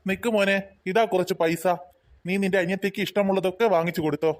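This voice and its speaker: This cartoon voice actor uses a high, steady, natural-sounding voice and talks fast. His role is a kindly father, and he lectures the children in a gentle, patient, preachy way.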